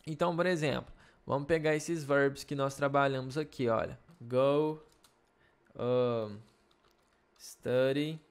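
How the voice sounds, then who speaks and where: A young man with a Brazilian Portuguese accent teaching an English grammar video lesson, explaining patiently and checking in often. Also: medium pitch. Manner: slow, patient explaining with frequent check-ins.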